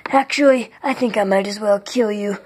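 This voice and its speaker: A reader voicing a cruel male warrior villain who speaks low and quiet, sneering with a slight hiss. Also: moderate pace, breathy edge. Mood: cold.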